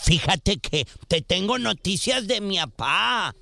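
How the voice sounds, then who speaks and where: A man's voice: high voice, lively intonation, slow, vocal fry, background noise, exaggerated voice. A man voicing a whiny, mischievous old man, making a prank phone call on a comedy radio show. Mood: chummy. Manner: pleading, complaining.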